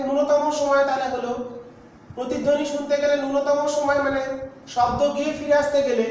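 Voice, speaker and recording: Guy teaching physics, high voice, big echoey room, bit of hiss. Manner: stepwise explaining, asks and answers own questions. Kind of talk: classroom lecture. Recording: very echoey room, faint noise.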